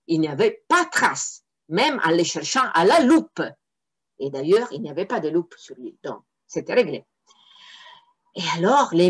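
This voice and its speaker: A woman reading a fairy tale aloud for children, often pausing to explain words to her listeners. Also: lowish voice, breathy edge. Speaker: storyteller.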